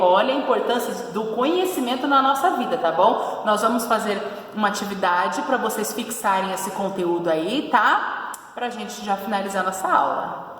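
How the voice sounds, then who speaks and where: A Brazilian woman teacher with a slightly high voice gives a patient grammar lesson. She stretches key syllables and keeps checking in with her pupils. Her voice sounds a little distant in a roomy space with a long, echoey tail. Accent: Brazilian Portuguese. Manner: patient, drawn-out stress on verb endings, frequent "tá bom?" check-ins. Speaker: Portuguese teacher.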